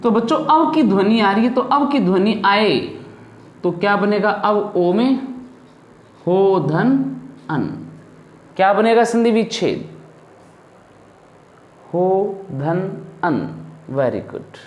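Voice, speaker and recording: This Hindi grammar lesson comes from a male teacher from India whose voice sits high and sounds animated. He takes it slowly, leaving long pauses in an echoey room, and answers the questions he poses to his pupils.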